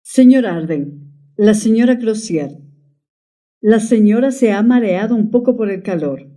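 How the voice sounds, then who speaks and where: A woman's voice: medium pitch, animated, unhurried, dark tone, recorded from a distance, natural voice. A woman voicing a polite plantation manager who speaks with formal courtesy. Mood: courteous.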